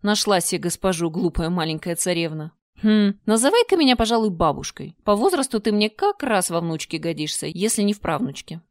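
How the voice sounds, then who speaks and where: A woman's voice: fairly low pitch, lively intonation, a little fast, hardly any pauses, dry recording, studio quality, close to an everyday voice. A woman voicing an ancient female spider monster that murmurs slyly and grumbles, in an audiobook reading. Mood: grumbling. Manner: murmuring, sly, clicking and smacking.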